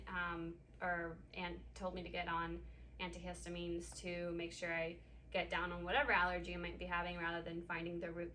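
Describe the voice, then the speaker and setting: A young woman from Ecuador speaks in a bright, forward voice that sits a little low. She pauses often with ums as she talks. Faint background noise is under her voice. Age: 20s. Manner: hesitant, many ums. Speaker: patient. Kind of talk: casual interview. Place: clinic room.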